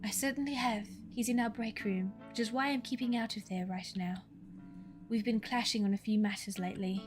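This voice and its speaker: A woman's voice: fairly high pitch, fairly even intonation, fairly quick, music in the background, natural voice. A woman voicing a curt, prickly hospital colleague who speaks tersely and coolly.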